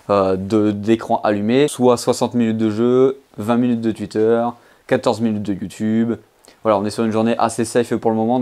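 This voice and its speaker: A man's voice: fairly low pitch, mellow. A man giving a casual phone review, chatting informally and addressing the viewer directly with frequent fillers. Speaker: tech reviewer.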